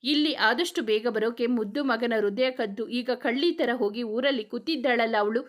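A woman's voice: a little high, moderate pace, close to an everyday voice. A woman voicing a teasing, scolding mother.

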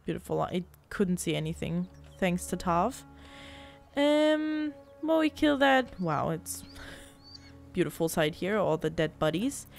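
A woman's voice: lowish voice, big pitch swings, unhurried, gravelly. A woman giving casual, teasing commentary while playing a role-playing game, grumbling and swearing at her party. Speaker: gameplay video host. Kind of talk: casual let's-play commentary. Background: game music.

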